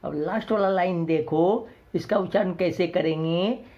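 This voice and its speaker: In a recorded primary school lesson, a man says each letter twice on purpose so young pupils can copy it. His voice sits high with a darkish tone, captured in a dull lo-fi recording.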